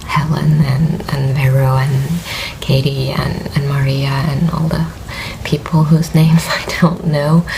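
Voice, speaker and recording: Her voice is deep and gravelly, recorded with slight background noise and poor audio. This weary-sounding Finnish host of a knitting podcast, with a Finnish accent and a worn voice, chats hesitantly in a casual vlog style, rambling through many fillers and soft laughs.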